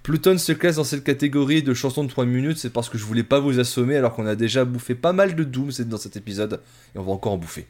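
Male podcast host, casual review, self-deprecating and meandering, average pitch. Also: fast, a little mellow. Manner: rambling, self-mocking, frequent fillers.

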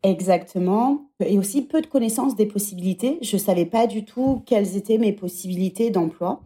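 A former teacher in her thirties joins a podcast as a guest, musing reflectively in a conversational interview. She speaks in a mellow, mid-range voice at normal speed.

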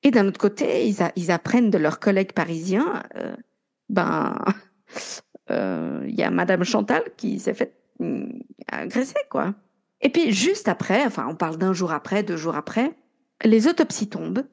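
A woman's voice: medium pitch, very animated, normal speed, vocal fry, darkish tone. A young woman co-hosting a podcast, casually retelling a true-crime story and chatting along with her co-host. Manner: chatty, retells events with quoted dialogue.

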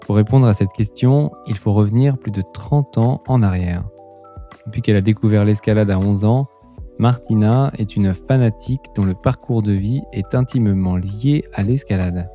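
A man's voice: fairly low pitch, moderate pace, warm tone, lo-fi sound, faint music behind. A man hosting a podcast, reading a scripted intro and then asking questions hesitantly. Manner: hesitant, many fillers and restarts when asking. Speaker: podcast host.

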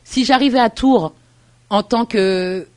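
Woman lecturer in an interview, earnest, lots of pauses and restarts, keeps asking if you get it. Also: fairly high pitch, darkish tone. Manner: earnest, thinks aloud with hesitations and restarts; often checks the listener understands. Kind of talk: reflective interview answer.

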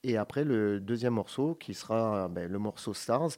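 A man co-hosting a radio music show, reading long lists of names with joking asides and quick self-corrections. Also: fairly low pitch, animated, darkish tone. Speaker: radio co-host presenting a music segment. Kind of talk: casual radio chat.

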